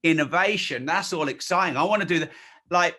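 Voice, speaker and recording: A man's voice: a little high, a little fast, sharp tone. A man in his forties, a guest in an interview, talking bluntly and emphatically and swearing freely. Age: 40s. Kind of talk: candid conversational interview.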